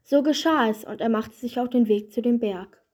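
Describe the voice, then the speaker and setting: A woman reading a fairy-tale parody aloud in a calm, measured storybook manner. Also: fairly high pitch.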